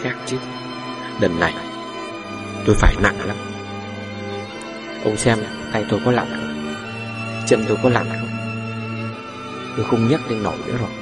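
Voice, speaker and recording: A man voicing a dying village mother who speaks in a weak, low, whispery voice, resigned to her fate. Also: normal speed, long pauses, lightly acted. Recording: distant mic with background music.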